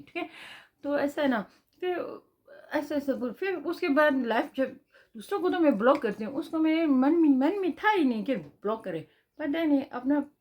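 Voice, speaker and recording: Fields: Sex: woman. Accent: Tibetan. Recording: lo-fi. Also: fairly high pitch. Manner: chatty, repeats phrases with many tag questions. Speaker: vlogger. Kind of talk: storytime vlog.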